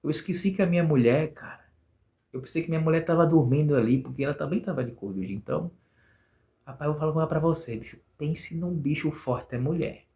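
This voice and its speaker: A man's voice: a little high, fast talker, creaky, mellow. A man from Bahia with a Bahian accent, a guest telling a personal testimony in an earnest, emotional way and repeating phrases for emphasis. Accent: Bahian Portuguese. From Bahia, Brazil.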